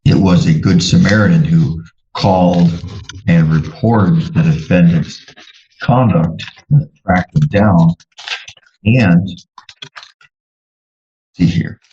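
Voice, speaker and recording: A man speaking as a judge in court, measured and procedural, pausing with fillers, heard on a courtroom recording. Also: sits low, dark tone. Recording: roomy, dull courtroom recording with faint hiss.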